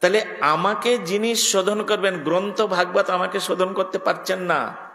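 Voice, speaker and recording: Middle-aged male preacher, fairly high voice, chatty sermon that keeps checking in with the listeners, echoey hall. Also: steady tone, normal speed, bright, forceful tone. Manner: conversational, asks listeners questions. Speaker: monk preacher. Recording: echoey hall with long reverb.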